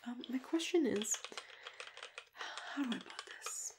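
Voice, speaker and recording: A woman plays a kindly, patient female monster matchmaker interviewing a client in an ASMR roleplay, speaking softly and often whispering. Her high voice is a little slow, gentle, tactful and hesitant, with murmured acknowledgements. Keyboard typing and clicks are clearly audible in the background.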